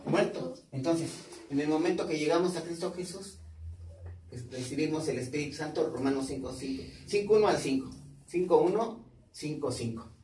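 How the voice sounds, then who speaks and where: Male pastor, teaching sermon, quizzes his flock; slightly high pitch, recorded far off in an echoey church. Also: moderate pace, warm tone, a little hiss or hum. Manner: quizzes the congregation with questions, repeating key words. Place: church hall.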